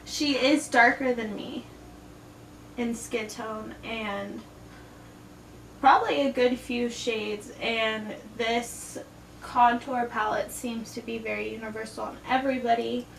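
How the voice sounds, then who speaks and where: A woman's voice: fairly high pitch, steady tone, takes it slowly, creaky. A tipsy, playful woman giving a casual makeup tutorial, chatting loosely as she works. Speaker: makeup video host. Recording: distant, echoey, noisy room.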